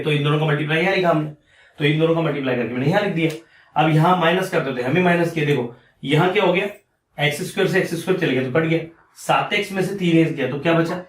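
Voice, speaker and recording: A man's voice: on the high side, reverberant, recorded from a distance. A man teaching a maths lesson step by step, repeating each step and asking and answering his own questions. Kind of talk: explaining step by step on a board.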